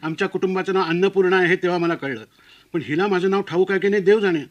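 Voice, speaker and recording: A man's voice: high-pitched, quick pace, muffled recording. A man telling a comic story of his own wedding in a wry, self-mocking way.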